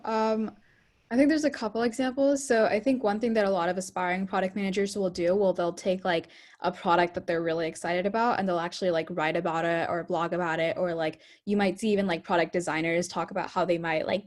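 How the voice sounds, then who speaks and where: A woman's voice: fairly low pitch, darkish tone. A young woman in her twenties, a product manager speaking on an online panel, who fills her speech with "like" and stumbles now and then.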